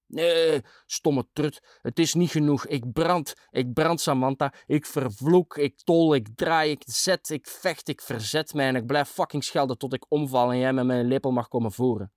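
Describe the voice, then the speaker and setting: A man voicing a drunk, manic middle-aged father who shouts, stammers and raves. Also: medium pitch, steady tone, fast, hardly any pauses, no room sound, studio quality, voice pushed up, close to an everyday voice. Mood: raging.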